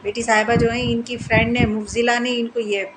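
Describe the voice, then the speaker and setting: A woman in her thirties talks through her household routine as a vlog voice-over, chatty and quick to laugh at herself. Her voice sits a little high. A steady noisy hiss runs under the recording. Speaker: vlogger, mother. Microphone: voice-over mic.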